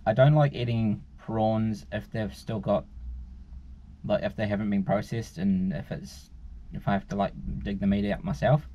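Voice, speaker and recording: A man's voice: lowish voice, steady tone, normal speed, mellow. A man, chatting casually and rambling to camera inside a car. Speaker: vlogger. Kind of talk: casual chat to camera, food taste test. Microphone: camera at arm's length. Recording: dull, noisy in-car camera audio.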